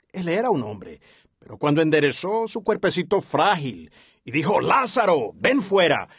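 Brief: man interpreter for a sermon dub, husky, earnest, lively intonation; dry studio voice-over. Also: high voice, dry recording. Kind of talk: dubbed sermon translation.

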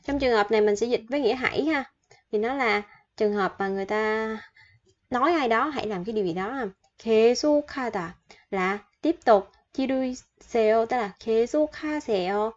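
Patient teacher woman, slightly high voice. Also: quick pace. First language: Vietnamese. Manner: patient, repeats each word, addresses viewers as "các bạn". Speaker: Korean language teacher. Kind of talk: explaining vocabulary and grammar to learners. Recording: dull lo-fi sound.

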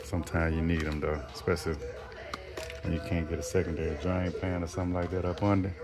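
A man's voice: low-pitched, level tone, quick pace, over music. A man, an HVAC technician, casually vlogging his workday and talking to viewers as folks. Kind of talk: casual vlog narration. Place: on the go, store and truck.

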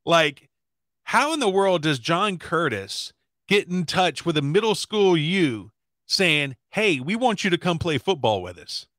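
A man's voice: a little high, very animated, a little slow, fairly bright tone, no echo. A man in his forties hosting a casual sports interview in an upbeat, emphatic way, close on the microphone. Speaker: sports show host, interviewer. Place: indoors, streaming setup.

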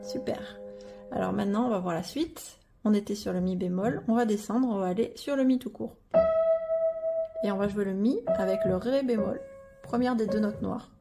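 A woman giving a patient step-by-step piano lesson, naming each note as she plays, with loud piano under her voice. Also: medium pitch, normal speed, vocal fry. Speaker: piano teacher. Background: piano playing.

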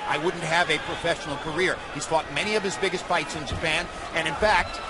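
A man's voice: on the high side, steady tone, fairly quick. A man giving live boxing play-by-play with emphatic, articulate phrasing. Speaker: lead sports commentator. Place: ringside in large arena. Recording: broadcast over loud arena crowd noise.

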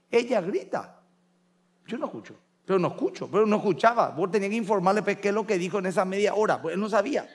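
Paraguayan pastor guy preaching, tells family stories, does the relatives' voices, a bit high pitched. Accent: Paraguayan Spanish. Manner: storytelling, acting out family voices in quotes. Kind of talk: sermon.

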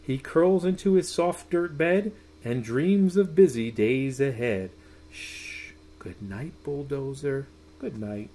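A faint hiss or hum underlies this home recording of a middle-aged man reading a rhyming bedtime picture book in a small room. His mid-range voice lilts in a sing-song way, drawing words out expressively before settling into soft, whispered goodnights.

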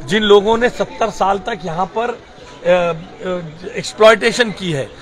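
A man's voice: high-pitched, sharp tone. A man giving an emphatic press statement outdoors, repeating his key phrases and switching into English. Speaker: politician speaking to press. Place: outdoor stadium ground.

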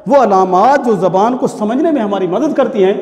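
A man, a college teacher giving a classroom lecture in a steady explanatory way. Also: high voice, normal speed. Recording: echoey hall with long reverb.

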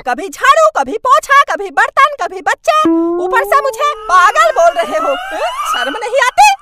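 A woman's voice: very high voice, very animated, unhurried, very noisy, exaggerated voice. A woman acting as an overworked, indignant housewife in a comedy sketch, complaining in sing-song lists of chores. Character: tired scolding housewife, overworked mother.

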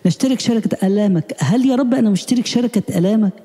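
A man with an Egyptian accent giving a spiritual sermon, asking rapid, pleading questions. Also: high-pitched, mellow, in a large hall. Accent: Egyptian Arabic. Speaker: preacher.

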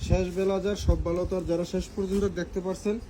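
A man's voice: sits high, flat delivery, quick pace, dark tone, a little hiss or hum, poor audio. A man with a Bangladeshi Bengali accent, selling clothes in a live stream and often checking that viewers understand. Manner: repeats and checks the listener understands. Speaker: online clothing seller. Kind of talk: live sales pitch.

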